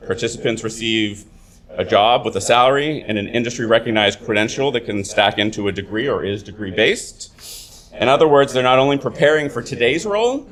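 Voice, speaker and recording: A man, a university dean, delivering a prepared formal speech at a ceremony, often halting with uh fillers. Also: mid-range voice, a bit bright.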